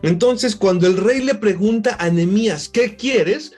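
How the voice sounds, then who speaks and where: A man preaching a sermon as a pastor, animated and rising on key phrases. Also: high-pitched, normal speed, faint music behind.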